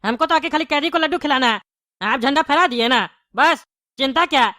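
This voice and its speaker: A woman voicing a quick-tempered bald male shopkeeper in a cartoon, full of sales patter. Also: high voice, no room sound, clean studio sound. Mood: salesy. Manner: salesman patter that flips to shouting. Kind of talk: cartoon comedy voice acting.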